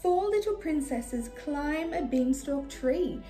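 Woman playing high-voiced Princess Aurora, storytelling. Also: slow pace. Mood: sweet storytelling. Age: young adult. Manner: animated, sing-song, enunciated for small children. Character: sweet, gracious young fairy-tale princess. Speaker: children's party entertainer reading a storybook. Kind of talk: children's storybook reading in character. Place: small decorated room indoors. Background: music.

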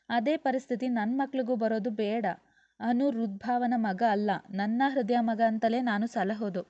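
A woman's voice: on the high side, dark tone, no room sound, dull audio, close to an everyday voice. A woman voicing a remorseful husband who pleads earnestly and firmly.

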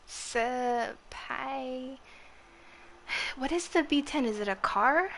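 A woman's voice: high-pitched, lively intonation, fairly quick, fairly bright tone, slight background noise. A woman in her twenties with a youthful, girlish voice, chatting casually with viewers on a live gaming stream and swearing freely. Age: 20s. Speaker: livestreamer.

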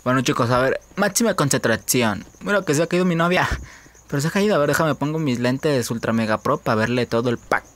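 A young man with a Mexican accent giving casual gameplay commentary, joking, swearing freely, laughing often and breaking into sudden high-pitched yelps. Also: lively intonation, fairly quick. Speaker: gaming YouTuber.

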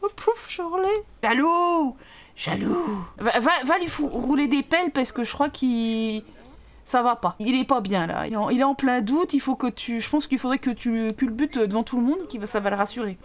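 A woman giving playful, lively Let's Play commentary as a gaming YouTuber, voicing her game characters' lines. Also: a little high, fairly quick. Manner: lively, playful, voices her Sims' dialogue.

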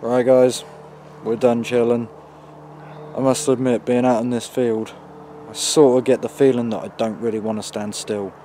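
A man's voice: mid-range voice, level tone, normal speed, dark tone, slight background noise. A man in his twenties hosting a casual night exploring vlog, talking uneasily to his viewers on a handheld camera outdoors. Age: 20s. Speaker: vlog host. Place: outdoors in woods and open field at night. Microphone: camera mic, handheld.

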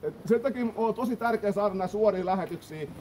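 A man's voice: high-pitched, mellow, a little hiss or hum. A man insistently demanding reasons from police, argumentative and indignant, filmed on a phone at a swimming hall entrance. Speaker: man filming his own confrontation with police. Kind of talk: argumentative live-streamed confrontation.

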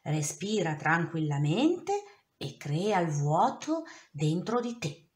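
A woman voicing a serene, yoga-teaching friend in a storybook reading, speaking slowly and calmingly. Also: low-pitched, heavily acted. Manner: slow and calming.

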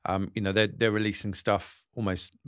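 A man co-hosts a podcast, chatting casually. His fairly low voice is recorded dry and close, and he muses aloud with hesitant restarts. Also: flat delivery, moderate pace, fairly bright tone, dry recording. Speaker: podcast co-host. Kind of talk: casual conversational podcast chat.

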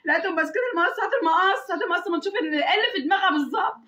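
Young egyptian woman crying thru her story, super high voice, rushing the words, pleading and swearing oaths. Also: sharp tone. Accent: Egyptian Arabic. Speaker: woman recounting an assault. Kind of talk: tearful testimony. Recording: echoey, muffled sound.

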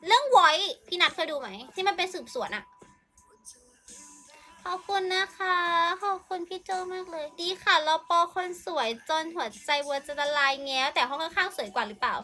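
A woman's voice: very high-pitched, animated, normal speed, sharp tone, faint music behind. A young woman live streaming, chatting casually and playfully greeting and thanking viewers by name.

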